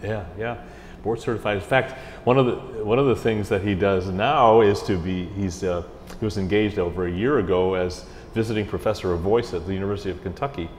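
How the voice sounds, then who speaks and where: A middle-aged man, a music director in an interview, telling stories in a chatty, animated way. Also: fairly low pitch, fairly quick, hardly any pauses. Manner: chatty, animated, slips into mimicked voices. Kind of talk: casual interview storytelling. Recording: roomy hall echo with faint ambient hiss.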